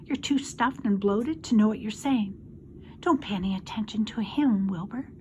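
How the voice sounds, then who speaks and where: A motherly storybook spider voiced by a woman, calm and reproving. She speaks softly, with a sighing, chiding manner. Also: mid-range voice, normal speed, slight background noise, lightly acted.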